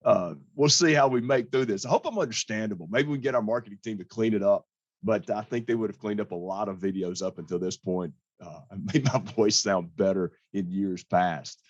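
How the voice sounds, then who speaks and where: A financial advisor with a hoarse, fairly low voice gives a client a casual update, talking briskly in a plain, conversational way. The audio sounds dull and has no room sound.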